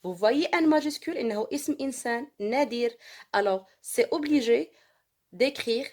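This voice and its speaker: Arabic-accented woman teaching French slowly. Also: on the high side, darkish tone. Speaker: primary school French teacher. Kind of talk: online lesson for children.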